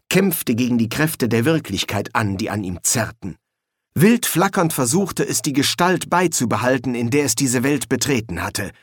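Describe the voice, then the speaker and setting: A man's voice: medium pitch, breathy edge, dry recording, studio quality. A man narrating an audiobook, reading expressively. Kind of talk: scripted narration.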